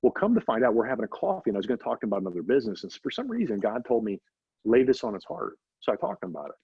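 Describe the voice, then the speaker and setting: A middle-aged man, an interview guest, telling animated faith-driven stories and often asking "right?". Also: medium pitch, rapid-fire, creaky, breathy edge, no echo. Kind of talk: casual storytelling interview. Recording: dry, slightly dull recording.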